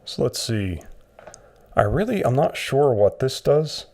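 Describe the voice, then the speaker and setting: A man's voice: mid-range voice, sing-song, unhurried, gravelly, warm tone. A man casually demoing a new audio mixer in his video, rambling along with lots of fillers and restarts. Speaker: YouTube vlogger demoing a mixer. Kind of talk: casual equipment demo.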